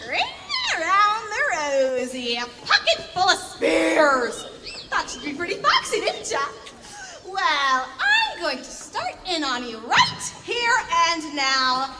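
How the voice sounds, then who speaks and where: A woman's voice: very high voice, huge pitch swings, slow, very noisy, full character voice. An actress playing a cruel, gloating wicked witch, cackling and theatrical as she taunts. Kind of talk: stage play acting. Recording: echoey hall from far off, music.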